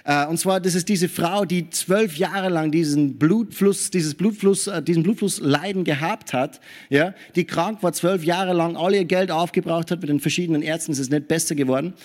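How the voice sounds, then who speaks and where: A man delivers a sermon in a fairly high voice. He preaches in an animated way, often checking in with his listeners. He punctuates his points with hallelujah and amen. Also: normal speed. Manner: animated preaching with frequent tag questions.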